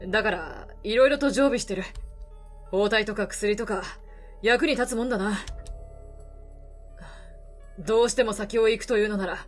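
A woman voicing a middle-aged male travel reporter from a game, world-weary, kindly, calm and measured. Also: faint music behind, close to an everyday voice. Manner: calm, low, measured delivery. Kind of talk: reading game dialogue in character.

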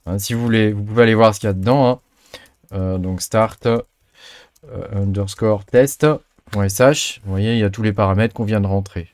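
A man's voice: on the low side, fairly even intonation, moderate pace, a little mellow, no room sound. A man giving a casual, chatty tutorial over a screen recording, full of fillers and tag words. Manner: chatty, many fillers and trailing "hein". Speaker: crypto mining channel host.

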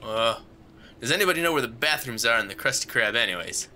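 A man's voice: mid-range voice, animated, fast talker, bright, forceful tone, a little hiss or hum. A man giving let's play commentary on a horror game, muttering to himself and yelping at every scare. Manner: jumpy, yelps and screams at scares. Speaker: gamer playing a horror game.

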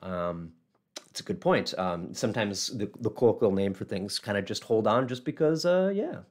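With a lowish voice made hoarse and scratchy by a cold, a man in his thirties hosts a casual local history livestream, speaking animatedly at normal speed. He's in a small office on a webcam mic, rambling through many ums and restarts.

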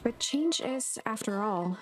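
A woman's voice: on the high side, lively intonation, a little slow. A woman acting as a solemn storybook narrator for a mystery game, telling the tale in a scripted dramatic style. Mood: solemn, ominous. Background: music.

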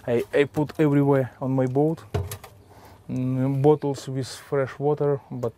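A man with a Russian accent speaking halting, simple English in a casual interview, often repeating words. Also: mid-range voice, little pitch movement, mellow, slight background noise. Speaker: adventurer and sailor, interviewee. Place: on a sailboat in a marina, cockpit and cabin. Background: music.

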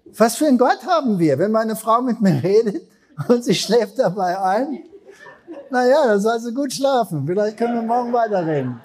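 Warm-voiced male preacher, emphatic. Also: extremely high pitch, expressive, normal speed. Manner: emphatic storytelling with rhetorical questions. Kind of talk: sermon.

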